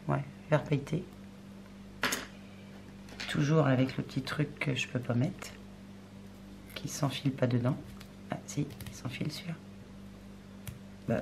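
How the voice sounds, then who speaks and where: A woman hosting a crafts unboxing video, chatting casually and thinking aloud, often murmuring softly. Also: rumbling low. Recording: clear background noise.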